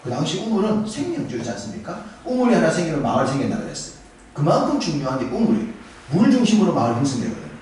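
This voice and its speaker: Lively male pastor in an echoey hall. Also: on the high side, very fast, slight background noise. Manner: animated, acts out voices of biblical figures and asks the congregation questions. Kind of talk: Sunday sermon. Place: church sanctuary. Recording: echoey church hall, voice from a distance.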